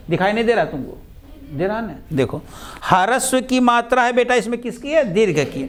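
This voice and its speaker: A male teacher with a fairly high voice lectures to a class. He speaks with a slight tinge. He is patient, drawing words out and repeating them so his students can follow. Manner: patient, repeats words slowly, addresses students as "babu" and "beta".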